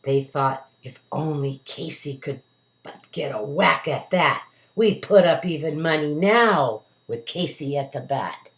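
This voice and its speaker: A woman with a low, animated voice takes her time reading a rhyming story to children, putting on character voices with dramatic emphasis. She was recorded at home in an echoey, roomy space.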